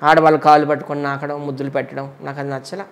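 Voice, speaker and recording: A man from Andhra Pradesh, an entertainer, chatting casually in an interview and giving blunt, quick one-line verdicts. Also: a little high, little pitch movement.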